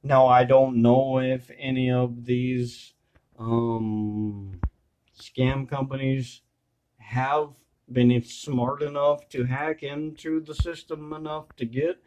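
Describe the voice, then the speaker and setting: The audio is poor as this video creator speaks slowly in a medium-pitched, darkish voice with little pitch movement. He talks to viewers casually and unscripted, rambling, hesitating, repeating and correcting himself, sometimes bluntly.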